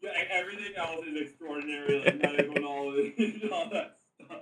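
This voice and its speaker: A man's voice: on the high side, fairly quick, reverberant, far from the mic, over a noisy crowd, poor audio. A man playing in a casual tabletop game, chatting about his character in an easygoing way and laughing often. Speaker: player.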